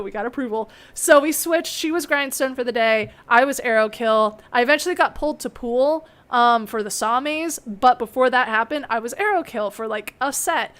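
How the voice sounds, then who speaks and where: Chatty young woman hosting, slightly high. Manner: chatty, giggly, animated storytelling. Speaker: host. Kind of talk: casual chat.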